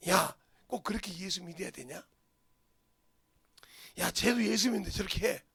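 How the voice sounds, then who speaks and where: A man's voice: sits high, moderate pace, gravelly, pushed and bright, breathy edge, heavily acted. A man voicing a scoffing young man who argues with a believer in a taunting way. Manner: taunting, argumentative.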